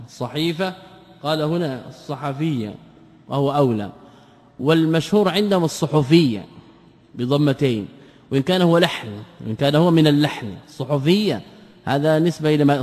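Arabic scholar lecturing in a reverberant hall. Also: male voice, on the high side, a little mellow. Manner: asks rhetorical questions and answers them himself; repeats key words for emphasis. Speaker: Islamic scholar teaching a lesson. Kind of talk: classical lesson commentary on a text.

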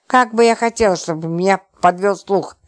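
A woman voicing an indignant, naive young wife who has become an amateur sleuth, given to shrill, agitated exclamations. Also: moderate pace, lightly acted.

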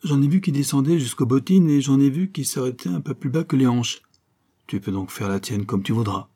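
A man's voice: medium pitch, brisk, mellow, slightly rough, voice pushed up. A man voicing a patient, reasonable middle-aged father. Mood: reasoning. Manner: reasonable, patient, lightly teasing. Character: middle-aged male industrialist and deputy, conciliatory.

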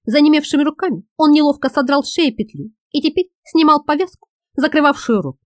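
A woman narrating an audiobook in a lively, expressive reading. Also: high voice, a little fast, no room sound, studio quality.

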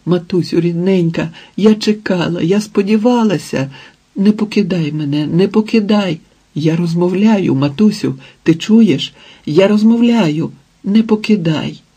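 A man's voice: high-pitched, unhurried, mellow, husky, pitched above the performer's own voice, exaggerated voice. A man voicing a sobbing young woman. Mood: pleading.

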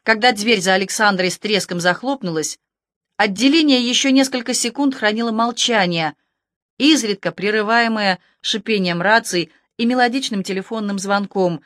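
A woman reading an audiobook in a lively, expressive narrating voice. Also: mid-range voice, normal speed, no room sound, clean studio sound. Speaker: audiobook reader. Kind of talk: scripted narration.

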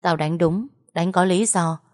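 Brief: woman voicing a nasty storybook sister spitting threats, lowish voice. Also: a little slow, no echo, studio quality, lightly acted. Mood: hostile. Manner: hostile, threatening. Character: spiteful spoiled younger sister, threatening.

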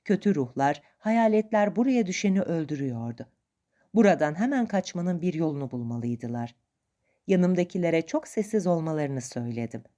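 Woman, storyteller, low, mellow, animated intonation, first-person narration. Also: moderate pace.

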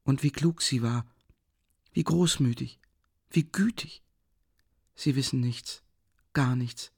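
Guy doing a scared young woman begging, breathy, voice climbing high, dry booth. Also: lively intonation, moderate pace, a little mellow, no echo, heavily acted. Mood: pleading, distraught. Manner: breathy, rising, pleading. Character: timid, anguished young woman pleading.

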